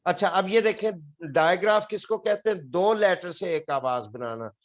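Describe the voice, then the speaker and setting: A man from Pakistan patiently walks a class through English spelling, repeating each word as he explains. He speaks at normal speed in a voice that sits high, and the audio sounds dull.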